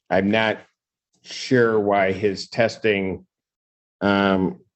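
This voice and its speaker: A man speaking as a judge, heard on a courtroom recording, measured and deliberate. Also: low-pitched, dull audio.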